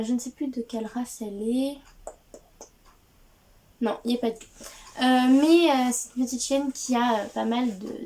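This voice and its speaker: A woman's voice: on the high side, mellow. A woman hosting a casual book haul, cheerful and gushing, with frequent hesitations and restarts. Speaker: book video host.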